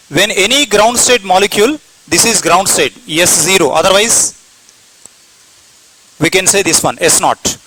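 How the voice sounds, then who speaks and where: A man with an Indian English accent teaches a chemistry class, repeating key points and posing questions he then answers himself. His voice is high-pitched, pushed and bright, and the audio quality is poor.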